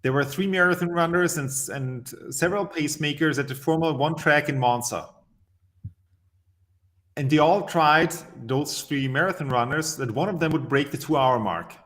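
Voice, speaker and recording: Man, fairly high voice, emphatic, measured storytelling, interview guest. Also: a bit bright. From Austria. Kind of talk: interview answers.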